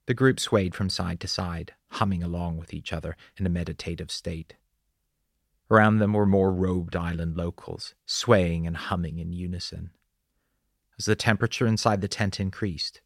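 A man reads the story aloud in a very deep voice with a gravelly, husky edge. His delivery is measured and descriptive. The sound is close and dry, with no room around it. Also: fairly even intonation, no room sound. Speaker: audiobook narrator. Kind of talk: scripted audiobook narration.

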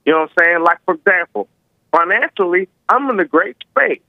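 A higher-voiced man phones in to a talk show over a narrow, tinny line. His words are slightly slurred with slushy s sounds, and he talks casually, repeating words as he goes. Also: lively intonation, fairly quick, vocal fry, no room sound.

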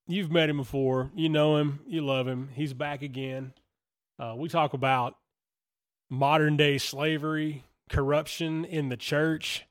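A talkative man hosting a podcast from a small studio, his voice sitting a bit higher than most men's. He wanders through his thoughts in a loose, friendly chat. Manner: chatty and rambling, thinks out loud. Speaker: podcast host.

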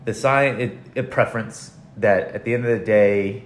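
A man's voice: lowish voice, normal speed. A man talking casually as an expert podcast guest, explaining things in an informal, plain-spoken way in a home dining room. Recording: roomy echo, faint room noise.

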